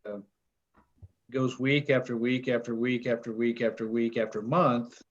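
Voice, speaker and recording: A man's voice: mid-range voice, little pitch movement, measured pace. Blunt man on a dull-sounding call. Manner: blunt, frank. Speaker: meeting participant. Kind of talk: casual video call chat. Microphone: video call.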